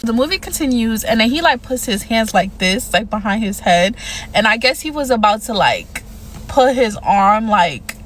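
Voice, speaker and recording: A young adult woman telling a dating horror story in a casual, animated way, emphatic and profane, with mounting indignation. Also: on the high side, moderate pace, a little hiss or hum, low-quality recording. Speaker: storyteller vlogger.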